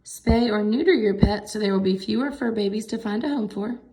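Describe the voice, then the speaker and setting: Reading a picture book aloud to children, a woman expressively explains the pictures as she goes, keeping her commentary simple. Her voice is medium-pitched and dark in tone, and she reads a little fast.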